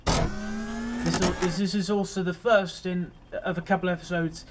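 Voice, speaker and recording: A man's voice: high-pitched, flat delivery, normal speed, very noisy. A man giving a casual, rambling overview of an episode as host of his fan series, full of fillers and restarts.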